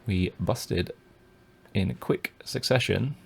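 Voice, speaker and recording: A British poker coach talks casually through his own live-streamed tournament, explaining every decision as he goes. His voice is lowish, slow, gravelly and a bit rough, and he thinks out loud with lots of fillers and restarts.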